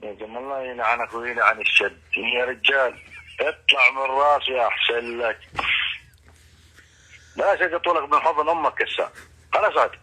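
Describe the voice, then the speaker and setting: A man's voice: medium pitch, moderate pace, long pauses, sharp tone, husky, poor audio. A man with a Levantine Arabic accent in a casual phone conversation, talking bluntly and coarsely. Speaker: prank call target.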